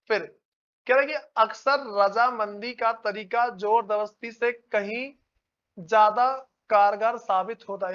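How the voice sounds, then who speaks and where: A man's voice: sits high, fairly bright tone, clean tone, dull audio. A man teaching a class in a casual lecture style, often checking whether his students follow and calling them brother. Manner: casual, keeps asking students if they follow; calls listeners "brother".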